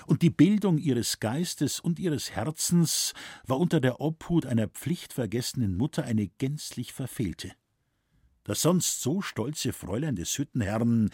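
A man reading a novel aloud with measured, solemn storytelling. He takes his time, his voice is slightly husky, and the sound is close and dry. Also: mid-range voice, warm tone, no room sound. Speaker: audiobook narrator. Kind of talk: scripted narration.

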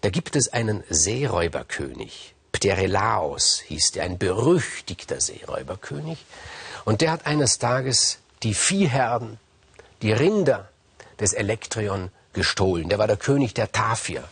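Man, husky voice, dry close sound, casual storyteller, halting with fillers. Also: lowish voice, lively intonation, no room sound. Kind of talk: casual oral retelling of myths.

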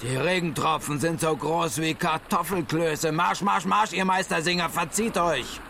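A man voicing a gruff ship captain who barks loud, fast orders at his crew. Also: slight background noise, exaggerated voice. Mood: barking orders. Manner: booming, commanding. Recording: music playing under the voice.

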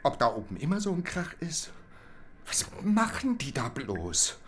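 A man's voice: on the high side, huge pitch swings, a little slow, fairly bright tone, a little hiss or hum, heavily acted. An actor playing a lonely, anxious young man who talks to an imagined inspector and breaks into pained groans. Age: young adult. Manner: anxious monologue, groaning in pain.

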